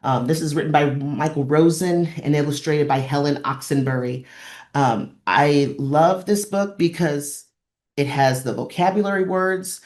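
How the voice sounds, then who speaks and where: A woman with a low, steady, somewhat dark voice speaks at an unhurried pace. She is presenting a training webinar for librarians, explaining things encouragingly, repeating phrases for emphasis, and giving examples.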